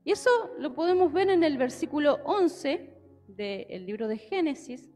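Preaching a sermon with Bible reading, a young woman from Argentina speaks in an Argentine Spanish accent into a handheld mic inside a church hall with a stage, often checking in with her listeners. Her high-pitched voice is very animated, a little slow and dark in tone. Soft music sits in the background, and the hall lends a long reverb.

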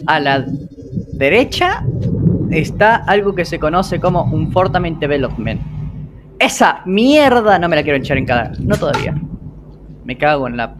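A man, commentating his own gameplay, excitable and nervous, swearing often. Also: a little high, normal speed, background noise. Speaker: gameplay streamer. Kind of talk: casual game commentary.

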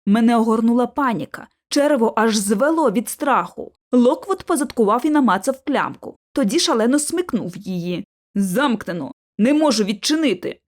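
A woman reading an audiobook aloud with clear, expressive narration. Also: fairly high pitch, moderate pace, hardly any pauses. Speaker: audiobook reader.

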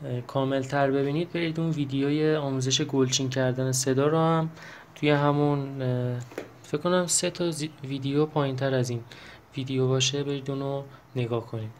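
A man teaching how to use an electronic keyboard in a casual step-by-step tutorial, pausing with fillers and correcting himself as he presses buttons. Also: medium pitch, fairly even intonation, darkish tone, slight background noise. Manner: explains while pressing buttons, with many fillers and self-corrections.

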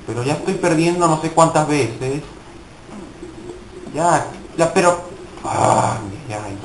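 A man's voice: fairly high pitch, slow pace, reverberant, noisy background. A young man casually commenting on his gameplay, swearing and mocking himself in frustrated outbursts. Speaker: gaming video host.

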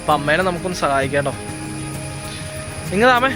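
A woman's voice: low-pitched, animated, fast, over music. Chatty woman vlogger talking to viewers. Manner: chatty, addresses viewers directly, many fillers. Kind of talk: casual family vlog. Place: outdoors near a temple and jackfruit tree, later a home kitchen.

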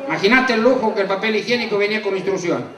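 A man's voice: sits high, racing. An Argentine man telling folksy rural jokes with country slang to a live audience from a stage. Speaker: comedian. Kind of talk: live rural stand-up storytelling. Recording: echoey hall with a distant mic, crowd and noise.

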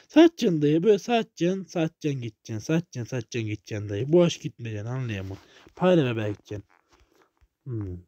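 A young man with a Turkish accent giving loose gameplay commentary, swearing freely and breaking into sudden loud outbursts. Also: mid-range voice, no room sound, muffled recording. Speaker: gaming YouTuber.

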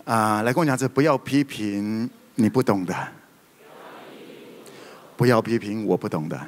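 A man preaching a sermon, telling stories in a lively way with sudden loud outbursts. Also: on the low side, normal speed, a little hiss or hum. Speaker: pastor. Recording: reverberant hall.

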